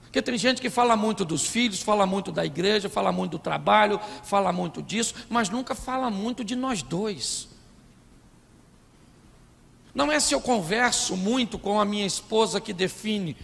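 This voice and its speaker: Animated pastor, bright gravelly voice. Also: male voice, high-pitched, normal speed. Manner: animated, acts out couples' quarrels in put-on voices. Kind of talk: comic sermon. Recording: live in a large hall with long reverb and faint noise.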